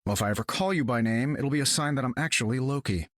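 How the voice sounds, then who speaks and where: A man's voice: medium pitch, fast, fairly bright tone, no echo, studio quality, close to an everyday voice. A man voicing a confident, wisecracking inventor superhero in a video game, wry and casual. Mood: glib, teasing. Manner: wry, casual, self-assured. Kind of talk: video game character acting.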